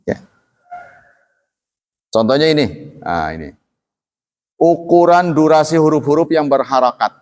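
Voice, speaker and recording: A man's voice: a little high, animated, darkish tone. Older man teaching recitation in a reverberant hall. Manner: slow drawn-out demonstrations of Arabic recitation; reads definitions aloud, then explains casually. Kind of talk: classroom tajwid lesson. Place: mosque or study hall.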